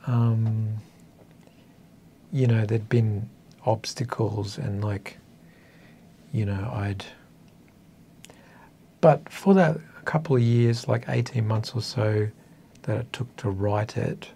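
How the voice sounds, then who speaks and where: Speaking slowly with long pauses, an Australian man in his fifties, an author from northern coastal NSW, reflects thoughtfully and hesitantly as an interview guest. His fairly low voice is mellow and he comes across as self-deprecating. The casual chat takes place in a small indoor meeting room with slight background noise.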